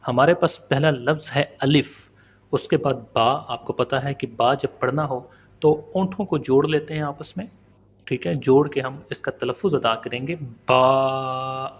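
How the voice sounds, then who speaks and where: A man teaches letter sounds at a patient, steady pace. He sounds each letter out slowly and repeats it. The recording is dull and lo-fi. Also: medium pitch. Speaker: Quran recitation teacher. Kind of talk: step-by-step pronunciation lesson.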